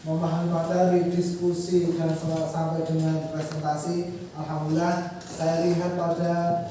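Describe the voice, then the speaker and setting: A man's voice: on the high side, completely flat delivery, measured pace, warm tone. A male teacher speaking to his class with an Indonesian accent, encouraging and direct. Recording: echoey classroom from far off, background noise.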